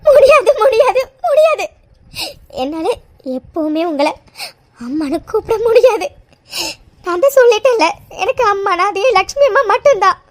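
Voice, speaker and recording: A hurt young woman in a cartoon speaks in a very high, tear-choked voice. She pleads and repeats herself with rising distress. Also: animated, normal speed. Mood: firm, tearful. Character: hurt young woman rejecting her birth mother. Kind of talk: cartoon voice acting.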